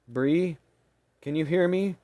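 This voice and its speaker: A man's voice: a little high, fairly even intonation, a little slow, a little mellow, voice pushed up. A man reading an audiobook, voicing an anxious, tearful young woman who pleads urgently. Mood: alarmed.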